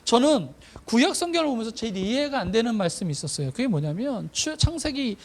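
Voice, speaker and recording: High-voiced, animated preaching man. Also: fairly quick. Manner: emphatic, repeats phrases for weight; addresses the congregation directly with questions. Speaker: pastor. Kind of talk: sermon.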